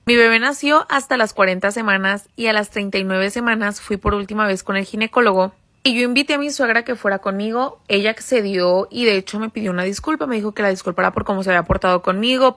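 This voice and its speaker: A woman's voice: medium pitch, a bit bright, no echo. A young woman narrating her own story in the first person, in a confiding, gossipy way.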